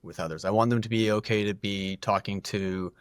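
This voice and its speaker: A man's voice: fairly low pitch, fairly even intonation, a little fast, clean tone, no room sound, clean studio sound. A middle-aged man talking as a podcast guest, rambling and self-deprecating, with frequent restarts and laughs. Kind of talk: casual podcast conversation.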